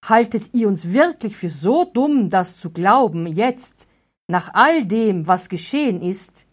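A woman voicing a hostile, scheming male steward in a storybook reading, loud and sneering. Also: mid-range voice, animated, takes it slowly, breathy edge. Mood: accusing.

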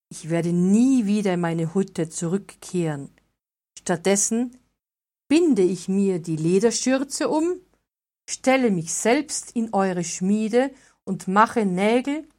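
A woman voicing a proud, self-assured male druid in a storybook reading, with firm, measured, formal speech. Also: medium pitch.

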